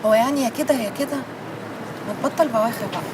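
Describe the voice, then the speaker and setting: An actress playing an Egyptian university student who scolds her suitor with sharp words. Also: a little high, racing, background noise, close to an everyday voice. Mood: irritated.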